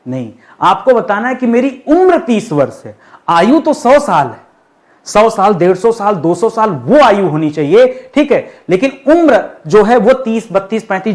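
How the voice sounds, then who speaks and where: A man teaching an exam lesson, repeating words slowly while writing and asking and answering his own questions. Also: high-pitched, darkish tone. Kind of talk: classroom-style lesson.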